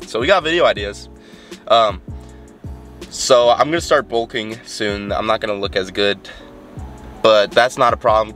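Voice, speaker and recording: A young fitness vlogger sits in his car talking casually to a camera held at arm's length. His voice is lowish, a bit bright, and nasal and congested, and he rambles along with lots of fillers and restarts.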